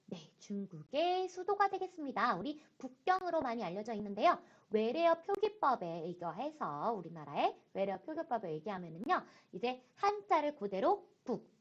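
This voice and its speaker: A woman with a fairly high voice teaches a high school Chinese lesson, her pitch swinging widely as she stresses key points. She slows right down to model phrases. The recording is dull and lo-fi. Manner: slow, careful model pronunciation of Chinese phrases; lively, rising emphasis on key points. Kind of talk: online class lecture.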